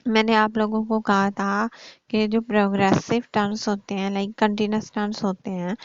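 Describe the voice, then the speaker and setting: A woman's voice: medium pitch, a little mellow, dry recording. Woman teaching tenses online, keeps saying okay to check in, dry muffled mic. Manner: explains patiently, checks in often with "okay"; mixes English terms into her explanations. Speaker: English grammar teacher. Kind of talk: online grammar lecture.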